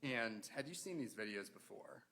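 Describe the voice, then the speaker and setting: A man questioning a witness as a prosecuting attorney in a courtroom, in a formal, procedural and halting way. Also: medium pitch, lively intonation, pushed and bright. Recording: noisy courtroom pickup with room ambience.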